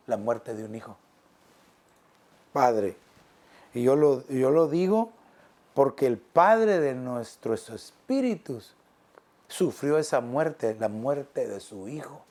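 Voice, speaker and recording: A male pastor preaching a sermon in an earnest, pastoral way, stretching phrases out slowly and dropping soft and low. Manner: earnest, pastoral, addressing listeners as brother.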